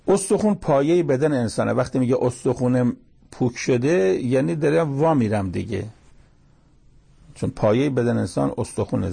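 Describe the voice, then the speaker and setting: A man's voice: mid-range voice, gravelly, mellow, breathy edge. A man giving a religious lecture, explaining verses in a plain conversational teaching manner with quoted asides. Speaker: cleric.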